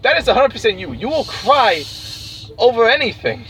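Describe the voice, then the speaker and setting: High-voiced young man, crude teasing podcast chat. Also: big pitch swings, fairly bright tone. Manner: crude, teasing, swears often, halting with many fillers. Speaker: podcast co-host. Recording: dull lo-fi recording with clear background noise.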